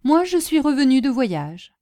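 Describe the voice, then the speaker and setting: A man who has sold his soul, icy and mocking, speaks with calm menace in a spoken storybook. A woman reads him, keeping her voice mellow and warm but flat with contempt. Nothing rattles him. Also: sits high, moderate pace, no room sound, clean studio sound, voice pushed up. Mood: cold menace. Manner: cold, cutting, sneering. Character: demonic male cashier, cold and scornful. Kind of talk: audiobook character reading.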